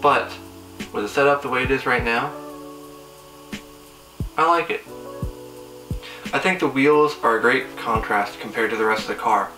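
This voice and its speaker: A young man hosts a car review with sarcastic, teasing jabs in a casual but scripted style. His voice is bright and punchy at a medium pitch. It sounds roomy and set back from the microphone, with faint music behind. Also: moderate pace, long pauses. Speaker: car video host. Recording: roomy echo, distant mic, faint music.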